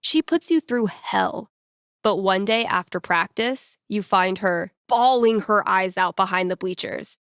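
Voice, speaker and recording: In a clean, dry studio recording, a woman with a medium-pitched, smooth, slightly bright voice speaks unhurriedly. She plays a witty young small-town radio DJ in a video game, giving casual local announcements in an American accent with a playful, conversational, earnest storytelling tone.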